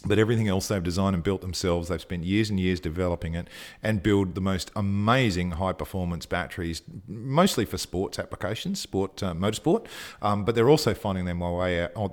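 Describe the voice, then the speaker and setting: A man co-hosting a casual podcast chat, talking with enthusiasm and getting a little breathless as he gushes. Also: deep voice. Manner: enthusiastic, gushing, breathless at times. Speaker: co-host.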